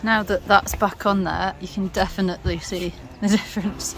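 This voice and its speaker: A woman's voice: medium pitch, fairly even intonation, moderate pace, fairly bright tone, soft background music. A young woman chatting casually on a travel vlog, thinking aloud with fillers as she films on a phone at arm's length outdoors on a canal boat. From England. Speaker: vlogger.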